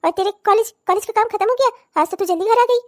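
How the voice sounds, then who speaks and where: A woman voicing a harsh, scolding cartoon stepmother who nags and curses in a shrill, rapid voice. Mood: doting. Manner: shrill, nagging, cursing. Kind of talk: cartoon voice acting.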